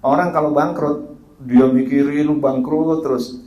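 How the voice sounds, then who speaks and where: A man giving an Islamic sermon in a lively, animated way, often acting out the voices of the people he quotes. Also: fairly high pitch, unhurried, lo-fi sound. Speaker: Islamic preacher. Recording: echoey room.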